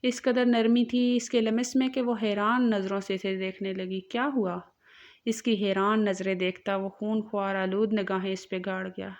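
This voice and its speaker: A woman narrates a romance novel in a steady, scripted storytelling manner. Her voice sits in a middle pitch, and the recording is slightly dull and lo-fi. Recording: muffled lo-fi recording.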